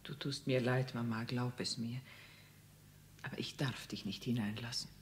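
A woman's voice: a bass voice, fairly even intonation, normal speed, slight background noise. An actress playing a firm, controlled grown daughter who keeps her mother from her dying father in a radio play. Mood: firm, hushed.

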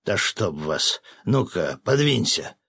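A man voicing a stubborn, whiny bearded fisherman who protests shrilly and indignantly in a storybook reading, with a gravelly edge. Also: sits low, very animated, takes it slowly, fairly bright tone, no echo, heavily acted.

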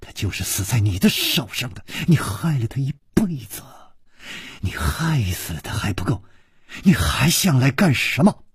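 A man voicing a cold, hard, furious woman in a spoken storytelling piece, low and sometimes hissing. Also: lively intonation, takes it slowly, long pauses, a little mellow, breathy edge, dry recording, clean studio sound, exaggerated voice.

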